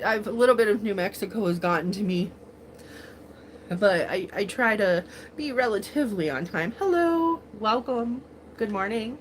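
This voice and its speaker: A woman in her forties hosts a casual livestream chat at a middling pitch. She rambles through lots of fillers, laughs often and speaks with open emotion. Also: slight background noise. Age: 40s. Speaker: livestream host.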